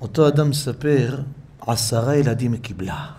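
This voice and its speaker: A man, a rabbi, delivering a sermon in a synagogue, telling stories with strong emotion, repeating phrases for emphasis and swinging between loud and soft. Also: mid-range voice. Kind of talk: sermon with storytelling.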